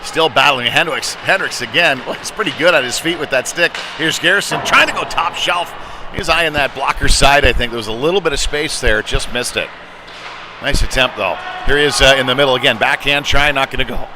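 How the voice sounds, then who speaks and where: This live ice hockey play-by-play comes from a former goalie speaking a little fast in a medium-pitched voice. He sounds conversational, gets excited on big plays, and arena noise is clearly audible behind him.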